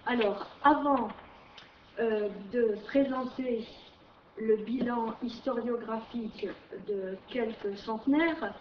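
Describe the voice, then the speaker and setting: A woman's voice: a little high, slow, noisy background. A middle-aged woman giving an academic lecture as a visiting historian, speaking with many fillers and restarts. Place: lecture room. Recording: distant, roomy, dull lecture-hall recording.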